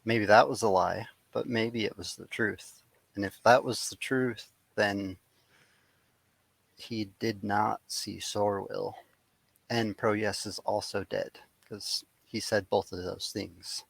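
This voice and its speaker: A man co-hosting a casual book podcast, reasoning through a point in a slow, measured way. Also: on the low side, fairly even intonation, vocal fry, no echo, rough recording. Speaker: podcast co-host.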